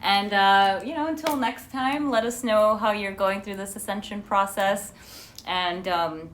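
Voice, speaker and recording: A woman's voice: mid-range voice, measured pace, fairly bright tone. A woman with a Colombian Paisa accent co-hosting a livestream, chatting casually with viewers in an effusive, giggly manner. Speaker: livestream co-host. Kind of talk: casual chat with live viewers. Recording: noisy livestream audio.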